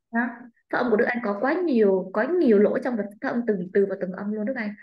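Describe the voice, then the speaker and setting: A Vietnamese woman, an English teacher, drilling a student's pronunciation with strict, corrective remarks in a one-on-one lesson. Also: fairly high pitch. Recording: echoey room.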